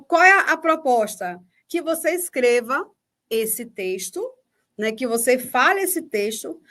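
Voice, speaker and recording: High-voiced Brazilian woman teaching. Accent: Brazilian Portuguese. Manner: explanatory, checks understanding with rhetorical questions. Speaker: teacher and mentor. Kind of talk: online workshop talk answering a question. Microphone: video call.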